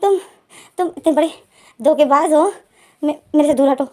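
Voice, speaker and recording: A woman putting on a young man in a storybook retelling, who keeps gasping in shock and sputtering indignant protests. His voice rides well above the narrator's and comes out louder, with stammers when he is cornered. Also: extremely high pitch, moderate pace, voice pushed up.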